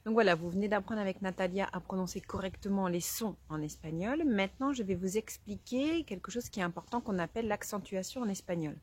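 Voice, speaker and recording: A woman teacher calmly explaining pronunciation rules step by step to learners. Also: mid-range voice, brisk, few pauses. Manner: clear, methodical explaining, addresses learners directly. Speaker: Spanish teacher. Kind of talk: explaining a language lesson to camera.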